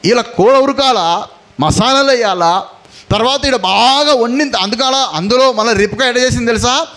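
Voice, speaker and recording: High-voiced pastor, animated storytelling sermon. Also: male voice. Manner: animated Bible storytelling with frequent rhetorical questions; acts out characters' quoted lines in the story.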